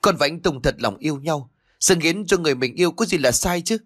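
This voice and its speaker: A man's voice: mid-range voice, moderate pace, fairly bright tone, breathy edge, faint music behind. A man voicing a naive young woman in love who pleads and defends her lover. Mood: defiant. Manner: pleading, then crying out defiantly.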